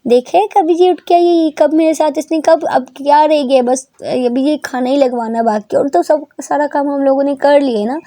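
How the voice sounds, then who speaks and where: A woman's voice: high-pitched, moderate pace, few pauses, warm tone, dry recording, pitched above the performer's own voice, natural voice. A woman voicing a stern, sarcastic middle-aged mother scolding her daughter.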